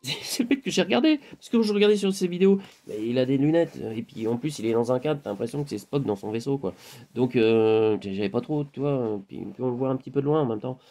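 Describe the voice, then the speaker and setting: A man improvising a casual monologue, animated and laughing often as he acts out conversations. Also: mid-range voice, quick pace. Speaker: spiritual vlogger.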